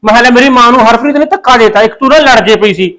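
A man's voice: very high voice, rapid-fire, bright, forceful tone, low-quality recording. A young man playing a hot-tempered son and husband who accuses his wife, then apologizes. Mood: accusing, heated.

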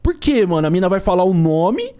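A fast, lively, São street-talking man with a high voice, a ride-share driver appearing as a podcast guest, tells stories in the chat. He speaks in slang and acts out dialogue.

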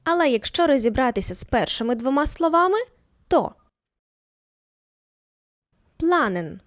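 High, lively woman teaching German. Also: dry recording, studio quality. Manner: reads German examples slowly twice, then translates. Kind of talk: scripted language lesson.

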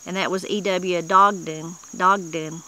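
Her Southern Appalachian accent comes through as this middle-aged channel host sits in a wooded yard, reading dictionary entries and explaining old mountain words in a casual, homespun, plain-spoken manner full of restarts. The voice is low-ish with fairly even intonation, a little slow, and pushed and bright.

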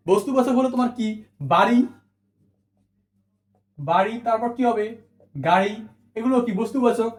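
A teacher runs an exam-prep spelling lesson, going over each rule repeatedly and throwing rhetorical questions back at the students. English words are sprinkled into the talk. The voice is medium-pitched and a little mellow, with a reverberant sound.

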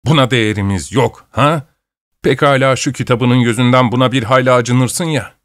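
A man's voice: mid-range voice, fairly even intonation, normal speed, a bit bright, no room sound, clean studio sound, natural voice. A man voicing a sly, cocky young male laborer who teases his friend in an audiobook. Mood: mocking. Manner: cocky, teasing.

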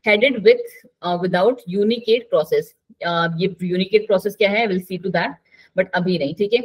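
A woman's voice: mid-range voice, slow pace, breathy edge. Chatty woman teaching biology. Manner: chatty, coaxing, mixes Hindi with English terms. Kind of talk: live online class.

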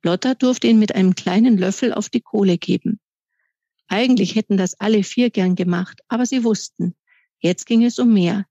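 A woman author reading aloud from her children's book in calm, measured storytelling. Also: medium pitch, dry recording. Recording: dry, slightly dull recording.

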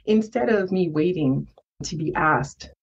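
A Haitian-born podcast guest, a native Haitian Creole speaker, shares stories in a conversational way, stressing her points and often adding "right?". Her lowish, slightly rough voice moves at a measured pace, and the recording has its highs cut off.

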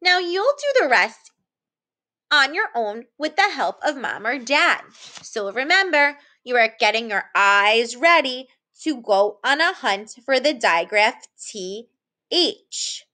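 In a fairly high voice, a woman walks young children through beginning reading, unhurried and supportive. Playful gasps of excitement pop up along the way.

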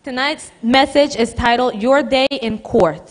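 A woman's voice: a little high, low-quality recording. Young woman preaching in short phrases. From Honduras. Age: young adult. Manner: speaks in short phrases, pausing for the interpreter. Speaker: guest preacher. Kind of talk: sermon with live interpretation. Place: church hall, indoors. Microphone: handheld microphone.

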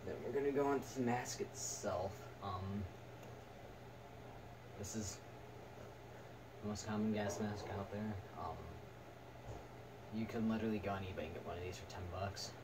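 A young man giving a casual, halting, unscripted product review in short fragments. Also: lowish voice. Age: teens to young adult. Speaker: video reviewer. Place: small attic room indoors. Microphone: camera a few metres away. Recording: distant camera mic, noisy room.

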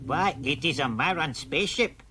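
A man's voice: a little high, expressive, moderate pace, pushed and bright, breathy edge, full character voice. A man voicing a mischievous, hungry young alien boy who speaks plainly and stiffly, without contractions. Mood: curious.

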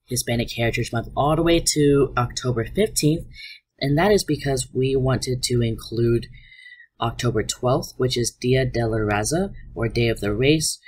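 A man's voice: medium pitch, a little mellow, breathy edge. A man teaching an online art class, explaining slides to his students in an upbeat way. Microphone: voice-over on slides.

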